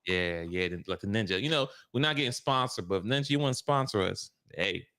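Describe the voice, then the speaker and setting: A man's voice: fairly low pitch, lively intonation, a little fast, fairly bright tone. A man co-hosting a casual livestream chat, telling laid-back stories and laughing along. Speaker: co-host.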